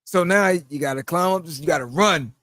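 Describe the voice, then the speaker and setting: A middle-aged podcast host from New York, judging by his accent, tells laid-back stories at a moderate pace in a fairly high, pushed and bright voice. He laughs along and performs the voices he quotes, recorded in studio quality with no echo.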